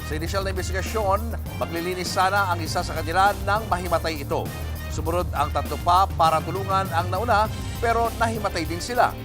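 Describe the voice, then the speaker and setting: High-voiced man reading news. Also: fairly quick, music in the background. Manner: crisp formal newsreading. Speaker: news anchor. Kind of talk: news anchoring.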